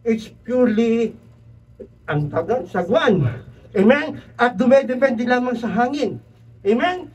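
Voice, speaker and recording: A man preaching an animated sermon who keeps calling "Amen?" to the congregation and mixes in English phrases. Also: very high voice, a little slow, husky. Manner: mixes English into his talk. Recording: distant, dull church recording.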